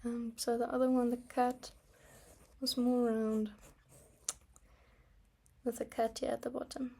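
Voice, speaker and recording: A young artist vlogger, first language Afrikaans, meanders through casual talk about her art at her desk, stamping and sketching and often saying um or giving small laughs. She speaks a little slowly in a slightly high, level voice that is gravelly and dark.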